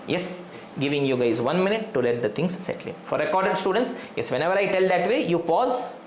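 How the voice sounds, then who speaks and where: Male teacher, South Indian accent, rapid delivery, colloquial slang, frequent check questions, echoey room. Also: fairly high pitch, animated. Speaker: accounting teacher. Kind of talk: lecture to students. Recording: echoey room, faint background noise.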